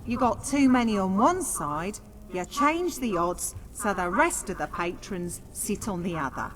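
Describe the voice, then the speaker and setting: Game casting: actress as shrewd folksy female bookmaker, lively pitch, unhurried delivery. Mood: matter-of-fact. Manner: folksy, plainspoken. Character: brisk shrewd female fight-pit bookmaker, daughter of a gambler. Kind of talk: fantasy video game character dialogue. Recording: hall reverb, faint noise.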